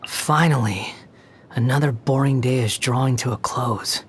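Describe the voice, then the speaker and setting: A young man voicing an aloof, sardonic puppet wanderer in a video game, with a condescending, sharp-tongued, theatrical delivery. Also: mid-range voice, unhurried, a little hiss or hum, close to an everyday voice. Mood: aloof, haughty. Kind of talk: video game character voice lines.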